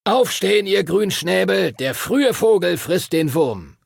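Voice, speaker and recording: A loud, commanding schoolmaster who rousts his pupils and will not tolerate dawdling, as a male narrator puts him on. The voice sits well above the reader's own, gravelly and slightly husky, with big swings in pitch. It is a storybook character in a children's audiobook. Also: animated, measured pace, no room sound, studio quality, exaggerated voice. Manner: loud, commanding, barking orders. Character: stern boisterous male teacher, hurrying pupils.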